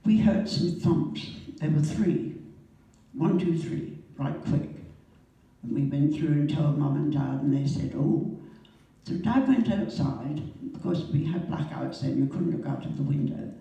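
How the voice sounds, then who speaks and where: A woman in her 80s from Norwich, England, shares her wartime memories as a guest speaker to a church congregation. She tells the story haltingly, with pauses and throat-clearing, in a low-pitched, mellow voice. The recording is echoey and distant, captured in a church hall.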